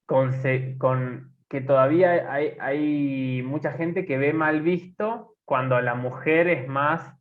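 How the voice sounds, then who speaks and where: A man in his twenties with an Argentine accent, co-hosting a casual podcast and talking haltingly with many fillers and restarts. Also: mid-range voice, steady tone. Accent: Argentine Spanish. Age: 20s. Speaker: podcast co-host. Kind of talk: casual conversation. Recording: tinny phone-like sound.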